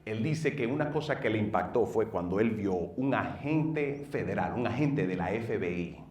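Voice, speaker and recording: A middle-aged man with a Dominican accent, a pastor telling his personal testimony in an earnest way, going from loud bursts to low murmurs. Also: lively intonation, normal speed. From northeastern United States. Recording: roomy sound from a distant mic.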